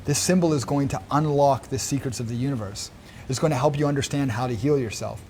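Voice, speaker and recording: A man quoting a gentle feminine plant spirit in his own voice, soft, patient and solemn. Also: medium pitch, fast talker, a little hiss or hum, natural voice.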